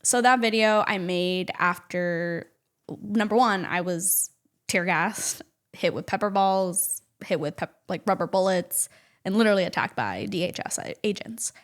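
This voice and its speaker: A woman guest on a casual podcast, telling her story in an animated way and often saying "like". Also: fairly low pitch, a little slow. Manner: animated storytelling, heavy use of "like". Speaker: podcast guest, nonprofit advocate and activist.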